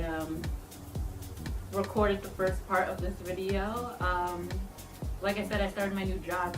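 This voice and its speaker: A young woman vlogger chatting casually and frankly, swearing now and then. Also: on the low side. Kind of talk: casual mukbang chat. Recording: roomy echo, far from mic, music behind.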